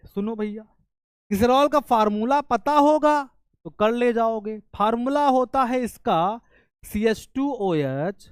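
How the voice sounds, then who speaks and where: A man's voice: very high voice, clean tone, no room sound, studio quality. A male chemistry teacher, coaching students through exam questions, coaxing and scolding, often asking their questions back in his own voice. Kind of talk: exam-prep lesson.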